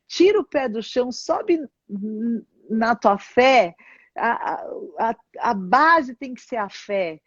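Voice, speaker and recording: A woman's voice: on the high side, slow, no room sound. A woman bishop with a Brazilian Portuguese accent, telling a personal testimony in an interview and acting out the dialogue as she goes. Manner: animated storyteller, acts out dialogue. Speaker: church bishop, interview guest. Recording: dull, dry sound.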